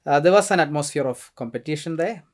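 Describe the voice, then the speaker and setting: In a casual interview conversation on a podcast, a middle-aged priest from Kerala, India, speaks fast in a voice on the high side. He has an Indian accent with Malayalam as his first language, and he is soft-spoken, hesitant with many fillers, and quick to laugh.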